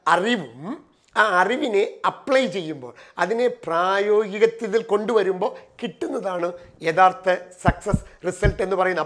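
A middle-aged man from Kerala, India, a career trainer and coach, giving a motivational talk point by point, speeding up and then slowing to stress key phrases. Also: sits high, fairly bright tone. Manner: numbered points, shifting between quick runs and slow stressed phrases.

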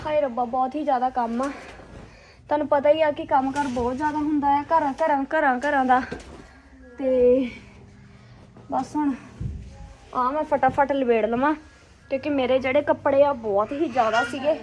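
A woman's voice: sits high, fairly even intonation, moderate pace, long pauses, darkish tone. A young woman chatting casually as a home vlogger, often repeating words for emphasis. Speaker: family vlogger. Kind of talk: casual chatty home vlog, talking to viewers and family. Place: busy family home. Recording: noisy handheld home recording.

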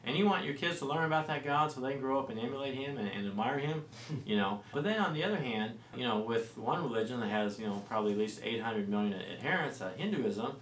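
A man in his forties explaining early church history in a studio discussion, relaxed and full of fillers and restarts. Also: medium pitch, fast. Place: small studio set with lamp and plants. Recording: roomy and distant-sounding with faint noise.

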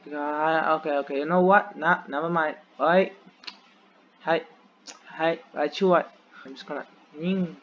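A young man with a Tamil accent giving excitable gameplay commentary as a gaming YouTuber, repeating phrases rapidly. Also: fairly high pitch, slight background noise.

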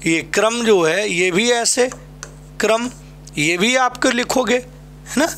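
A man's voice: high-pitched, takes it slowly, fairly bright tone, slight background noise. A male teacher from Uttar Pradesh giving an exam-prep Hindi lesson, drilling students by asking a question and then answering it himself.

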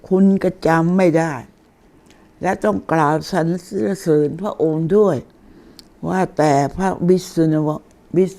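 An older woman giving a chatty, informal lesson on deity names, explaining slowly and reading names aloud. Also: fairly low pitch, fairly even intonation, mellow.

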